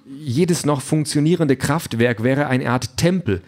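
A man narrating an audiobook at a middle pitch. His storytelling is dry and lively, the delivery of a practised reader. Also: unhurried. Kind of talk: audiobook reading.

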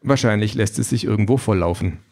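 A man doing a wry, unhurried dad. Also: on the low side, creaky, darkish tone, slight background noise. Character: wry father sharing folksy wisdom.

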